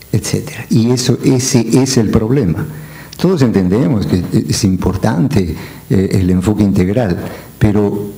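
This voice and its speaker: A man speaking as a panelist at an academic conference, measured and reflective, pausing often on fillers. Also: on the low side, vocal fry, mellow.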